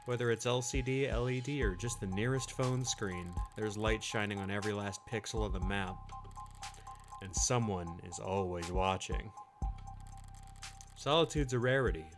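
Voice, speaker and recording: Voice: mid-range voice, pitched below the performer's own voice, natural voice. A live streamer voicing a weary, hard-boiled defense attorney, narrating in a dry noir voice-over.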